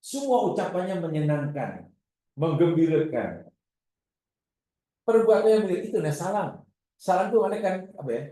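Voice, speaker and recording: A man giving a religious class lecture, animated and acting out his examples. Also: sits high, moderate pace, long pauses. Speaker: religious teacher. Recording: echoey room.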